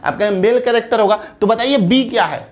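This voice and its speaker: Fast and high-pitched, a man delivers a classroom lecture to exam students. He asks questions of the viewer and answers them, going over things repeatedly while checking in with "right?" and "theek hai na" again and again.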